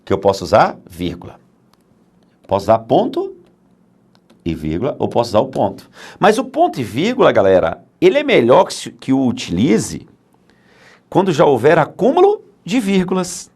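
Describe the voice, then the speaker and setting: A man's voice: mid-range voice, huge pitch swings, normal speed, a little mellow, breathy edge. A man teaching grammar for exam prep, emphatic and fond of asking and answering his own questions.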